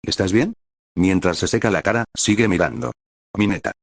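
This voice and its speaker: A man narrating a fan reaction story with a flat, even reading. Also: low voice, fairly quick, a little hiss or hum.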